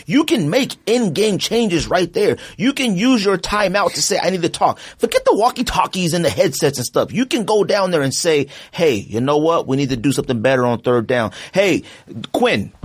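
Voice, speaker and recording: On a casual sports podcast, a male co-host launches into an animated rant about how a football team's season went. His voice is high-pitched with a slight roughness, and his delivery is slangy and rambling.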